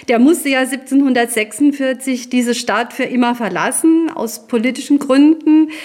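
A woman with a fairly high voice hosts an interview. She frames her questions at great length and speaks in a formal, cultivated manner. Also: a little mellow. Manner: elaborate, long-winded questions, formal address.

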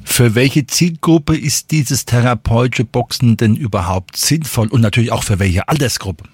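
A man hosting a podcast, interviewing a guest with formal, measured questions. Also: mid-range voice, darkish tone, breathy edge, dry recording.

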